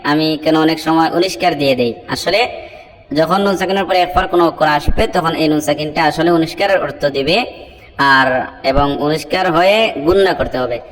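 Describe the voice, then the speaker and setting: A man teaching Quran recitation, chanting each phrase slowly and repeating it for learners. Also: a little high, fairly bright tone. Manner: drawn-out melodic chanting, repeating phrases for students. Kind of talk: tajweed lesson, chanting verses then explaining. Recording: long reverb with faint music.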